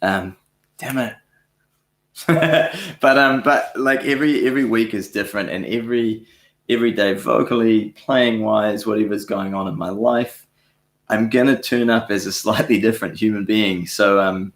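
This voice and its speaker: Chuckly low-voiced man chatting on a livestream. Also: fairly even intonation, normal speed, reverberant. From New Zealand. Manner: rambling, self-correcting, chuckles often. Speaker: livestream host answering viewer questions. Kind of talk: casual live Q&A chat. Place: home studio.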